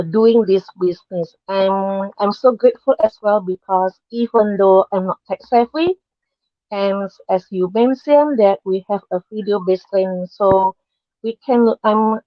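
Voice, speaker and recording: A woman's voice: mid-range voice, no room sound, highs cut off. A woman from Indonesia, talking casually as a guest on a live online panel, hesitant, with many fillers and nonnative grammar. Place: at her workplace.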